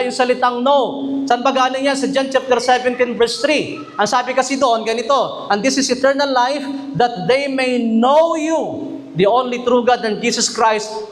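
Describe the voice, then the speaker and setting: Pastor guy preaching, really high pitched voice, keeps checking in w the crowd. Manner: mixes English and Tagalog, often asks the congregation questions, reads verses slowly. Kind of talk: sermon. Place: church chapel.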